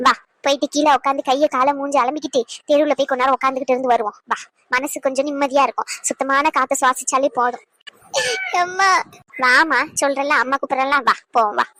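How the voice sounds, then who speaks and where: Woman voicing a high, anxious cartoon mother. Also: moderate pace, bright, forceful tone, no room sound. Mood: comforting. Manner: coaxing, pleading, tender. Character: anxious, devoted middle-aged mother. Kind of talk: cartoon voice acting.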